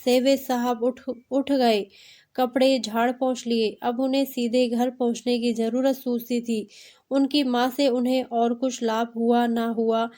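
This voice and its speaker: A woman reading a short story aloud in measured narration. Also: fairly high pitch, level tone, dark tone.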